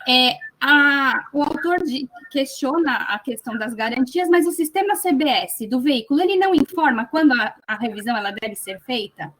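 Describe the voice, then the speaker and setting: High-voiced woman lawyer questioning. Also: animated, moderate pace, hardly any pauses, fairly bright tone. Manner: persistent, formal, precise. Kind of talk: courtroom questioning over video call. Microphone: video call.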